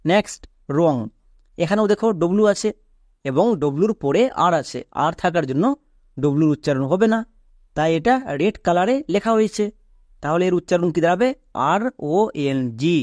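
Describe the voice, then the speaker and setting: Male teacher, fairly high voice, dry close sound, patient and repetitive. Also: normal speed, a little mellow, dry recording. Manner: patient, repeats rules and asks check questions. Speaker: English pronunciation teacher. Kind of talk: explanatory lesson.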